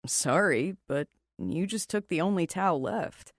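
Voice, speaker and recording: Brief: woman doing a lower, laid-back teasing man, dry close sound, amused and unfazed. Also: expressive, unhurried, no room sound. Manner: teasing, nonchalant. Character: amused, unbothered naked male stranger. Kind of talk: audiobook character voice.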